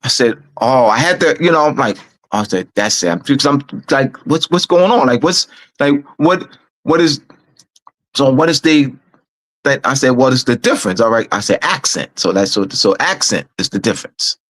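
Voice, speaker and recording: A man with a Camden, New Jersey accent, telling a story slowly and reflectively, often repeating words as he thinks aloud. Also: medium pitch, animated, a bit bright, poor audio.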